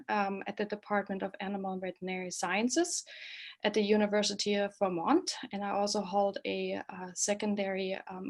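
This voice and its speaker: A woman in her forties from East Germany with a German accent, an associate professor presenting a webinar, earnest and full of ums and uhs. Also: a little high. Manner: many um and uh fillers, friendly and earnest.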